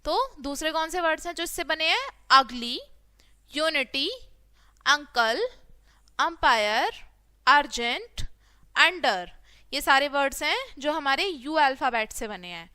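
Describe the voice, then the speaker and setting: Woman, teacher, children's phonics lesson, slow and patient, high voice, dry close sound. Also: lively intonation, bright, forceful tone, no echo. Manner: asks questions and answers them herself, drawn-out letter sounds.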